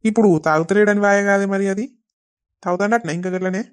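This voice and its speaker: A woman's voice: medium pitch, steady tone, quick pace, clean tone, no echo, natural voice. A woman playing a gossiping village woman with a Telangana Telugu accent, talking in a chatty, nosy way.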